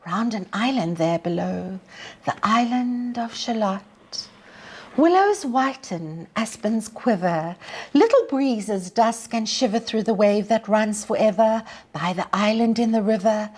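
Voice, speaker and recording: At storytime, a teacher with a medium-pitched voice presents a narrative poem to her pupils and performs it aloud. She speaks to the children deliberately and with plenty of expression.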